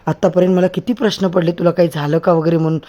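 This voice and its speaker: A man's voice: high-pitched, flat delivery, racing, mellow, close to an everyday voice. A man voicing a worried young man asking where his beloved went. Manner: worried, questioning.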